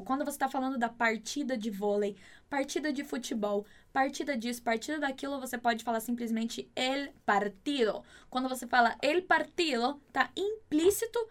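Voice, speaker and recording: A woman, a native Portuguese speaker, teaching a Spanish lesson, saying drill sentences slowly and chatting between them. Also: high-pitched. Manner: slow, exaggerated drill phrasing, chatty asides.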